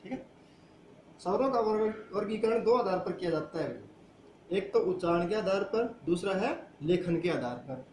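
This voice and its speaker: A man's voice: high voice, lively intonation, moderate pace, a little mellow, roomy sound, slight background noise. A man teaching a grammar lesson who asks the class questions and answers them himself. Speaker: school teacher.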